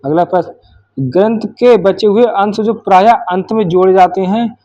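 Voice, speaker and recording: A man's voice: high voice, normal speed, dark tone, no echo, dull audio. A man teacher going through exam questions one at a time, asking each question aloud and then answering it step by step. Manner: explains step by step, asks then answers his own questions. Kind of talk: exam revision lesson.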